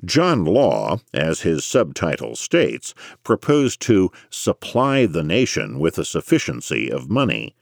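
Male narrator for scholarly nonfiction: extremely low, animated intonation, erudite and measured delivery. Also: creaky, dry recording, studio quality. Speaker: audiobook narrator. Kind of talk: scripted scholarly narration of economic history.

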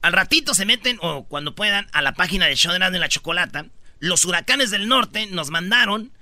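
A Mexican man hosting a comedy radio countdown who tells slangy stories and slips into other people's voices. His voice is high and very bright, and it is recorded close and dry on a studio mic. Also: expressive, a little fast, dry recording. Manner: joking storyteller, acts out quoted voices, slangy. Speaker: radio show host.

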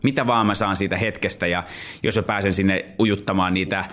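A male impressionist speaking as a guest in casual chat, relaxed with filler words. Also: deep voice.

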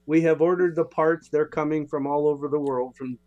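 An older man chats as a radio co-host in a somewhat high-pitched voice. The sound is tinny and boxy, like a makeshift home studio. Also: steady tone, fairly quick. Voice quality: tinny, distant barrel-like sound. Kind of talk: casual radio chat.

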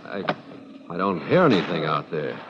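A man's voice: low-pitched, sing-song, normal speed. A man playing a nervous, evasive carnival hand who stammers when he is cornered, in an old radio drama. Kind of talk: 1940s radio acting. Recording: dull lo-fi old radio recording.

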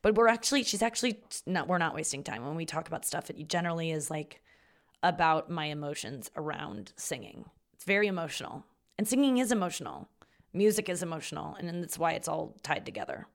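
A woman with a low-pitched voice and vocal fry that sits in the back of her throat. She talks casually as a podcast host, rambling along in a self-deprecating way and swearing freely. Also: very animated, brisk. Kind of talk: casual solo podcast monologue.

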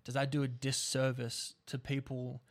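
A man's voice: medium pitch, completely flat delivery, moderate pace. A young man hosting a podcast, telling stories in a rambling, casual way, swearing freely. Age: young adult. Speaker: podcast host. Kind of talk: casual chat.

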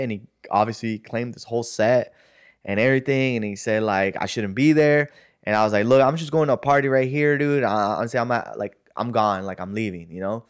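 A young man telling a story in casual chat, loose and slangy, with lots of fillers and cursing. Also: mid-range voice.

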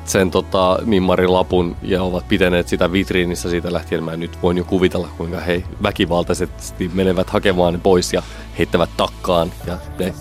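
Deep-voiced man musing on a podcast. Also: little pitch movement, few pauses, soft background music. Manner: thinks aloud with restarts and fillers. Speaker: podcast co-host. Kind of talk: casual music discussion.

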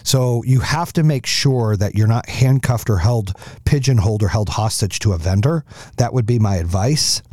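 Middle-aged man, podcast host, mellow dark tone, rather low voice, blunt and profane, rambling with fillers. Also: moderate pace, dry recording, clean studio sound. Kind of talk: casual solo podcast talk. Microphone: close studio mic.

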